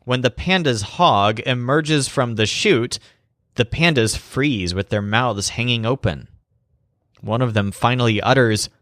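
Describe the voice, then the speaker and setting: A man teaching a language lesson, telling a mnemonic story in animated scripted narration and spelling words out. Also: medium pitch, dry recording, studio quality.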